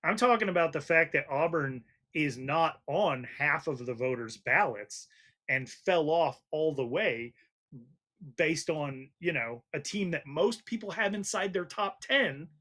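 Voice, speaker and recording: A man's voice: a little high, lively intonation, a little slow, pushed and bright. A man hosting a college football podcast, arguing his point in an emphatic, casual debate. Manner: argumentative, emphatic. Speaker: podcast host.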